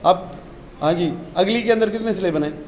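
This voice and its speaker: High-voiced man teaching a class. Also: brisk, a crowd in the background. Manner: quizzes the class, repeating key terms; calls students "beta". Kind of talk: classroom grammar lesson.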